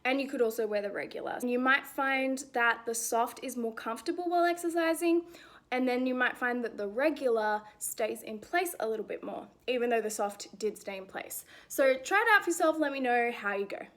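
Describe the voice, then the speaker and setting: A woman's voice: fairly high pitch, animated, a little fast, a bit bright. A young woman hosting a casual review vlog, chatty and encouraging, with frequent "like" fillers. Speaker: women's health video host.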